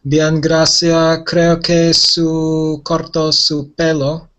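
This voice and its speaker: A man answering as a student in an online language class, halting and searching for his words. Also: a little high, completely flat delivery, fairly bright tone, low-quality recording.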